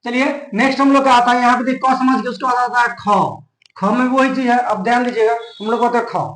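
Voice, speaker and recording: A man's voice: extremely high pitch, little pitch movement, fast talker, a bit bright, reverberant, low-quality recording. A young man teaching an online grammar lesson, explaining step by step and repeating points often.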